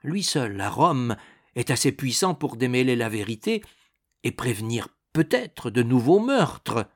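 A man's voice: medium pitch, big pitch swings, a little slow. A man reading an audiobook, voicing a brave, brash young knight with a bold, defiant manner. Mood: anxious. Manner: anxious, then brashly defiant.

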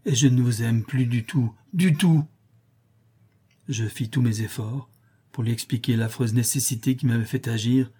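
A man reading a novel aloud as narrator, in a steady, measured storytelling manner. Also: medium pitch, husky. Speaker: audiobook narrator. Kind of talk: scripted narration.

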